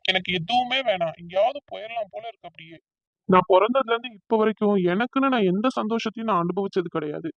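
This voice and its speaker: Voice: mid-range voice, fast, dry recording, highs cut off, lightly acted. Someone voicing a bitter young man Rahul. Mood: despairing. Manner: bitter, brooding complaints. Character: hurt, resentful young man about to marry.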